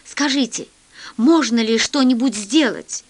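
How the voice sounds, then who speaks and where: A woman's voice: fairly high pitch, steady tone, slow. A woman voicing a stern male space captain with a curt, commanding manner.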